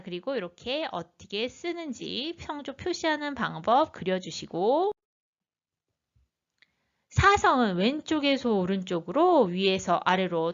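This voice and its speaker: A woman teacher giving a lively training talk, acting out sounds as she would for young children. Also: on the high side, dull audio.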